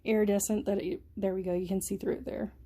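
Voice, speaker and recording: A young woman vlogging as she unboxes shoes, gushing and giggly, breathless with excitement. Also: mid-range voice, quick pace. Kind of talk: casual unboxing vlog.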